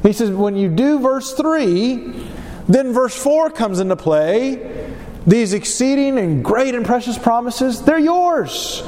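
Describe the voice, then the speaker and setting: His voice is very high, very animated and darkish in tone, moving at a slow pace as he preaches from the Bible through a cold-clogged, pinched nose. Emphatic repetition and rhetorical questions drive his teaching. Long hall reverb and slight background noise surround him.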